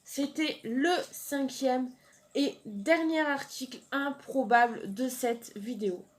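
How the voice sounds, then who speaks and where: A woman's voice: sits high, slow pace. Amused chatty young woman. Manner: amused, chatty, laughing asides. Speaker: YouTuber. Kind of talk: casual video commentary.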